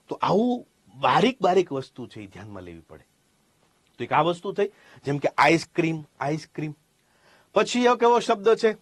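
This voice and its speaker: A man with a Gujarati accent, a native Gujarati speaker, teaching a spoken English class step by step, asking questions and repeating examples. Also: sits high. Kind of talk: classroom lesson.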